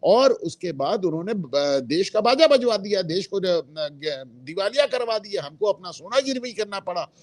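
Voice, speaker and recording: A man's voice: high voice, big pitch swings, moderate pace, few pauses, dry recording. A man speaking as a guest in a political discussion, emphatic and opinionated, dropping English phrases into his talk. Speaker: guest commentator.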